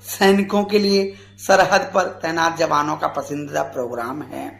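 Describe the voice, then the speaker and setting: A man in his forties, a radio guest, giving a formal tribute speech in an earnest, measured way. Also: on the high side, steady tone, vocal fry, fairly bright tone, roomy sound, soft background music. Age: 40s.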